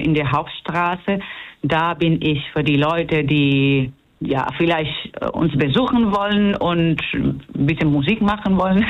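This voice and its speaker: Slow, hesitant Puerto Rican woman. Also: low voice, highs cut off. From Puerto Rico. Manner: hesitant, searching for words, warm and laughing. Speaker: musician guest. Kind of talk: radio interview.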